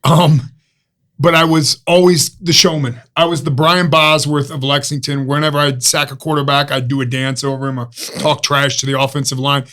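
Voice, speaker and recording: A joking man in his fifties with an Ohio accent, chatting as an interview guest. His voice sits a little higher than most men's, and he tells his stories with self-mocking humor. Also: little pitch movement, moderate pace, fairly bright tone. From Ohio, USA. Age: 50s. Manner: jokey, self-mocking storyteller. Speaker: podcast guest, stuntman and actor. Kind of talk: casual interview chat.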